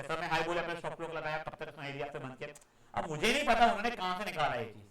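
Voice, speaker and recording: High, bright-voiced male teacher in an echoey classroom. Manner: demonstrative, acts out echoes and calls students "beta"; scolds students loudly at times. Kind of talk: live classroom physics lecture. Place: classroom with students.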